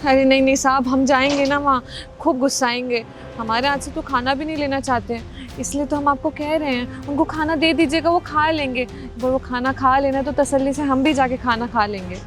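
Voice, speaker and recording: A woman's voice: sits high, fairly even intonation, brisk, faint music behind, lightly acted. A woman playing an anxious, devoted young wife who keeps coaxing her husband to eat. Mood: pleading. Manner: pleading, coaxing. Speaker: actor in a comedy skit.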